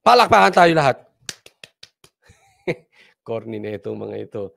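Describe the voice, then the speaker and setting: A man's voice: mid-range voice, very animated, unhurried, vocal fry, fairly bright tone. A man from the Philippines giving casual political commentary in a mocking, sarcastic way, laughing often.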